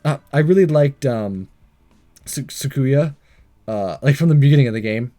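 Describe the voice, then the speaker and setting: Reading a visual novel for a let's play, a man trips over lines, re-reads them and throws in commentary. His warm, mid-range voice has lively intonation at a normal speed, and game music sits behind it.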